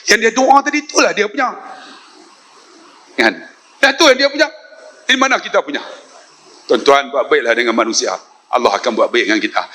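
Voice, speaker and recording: A man's voice: mid-range voice, bright, forceful tone, a little hiss or hum. A man with a Malaysian Malay accent telling a humorous story at a mosque forum, acting out the dialogue and laughing often. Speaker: religious speaker. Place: mosque forum before an audience.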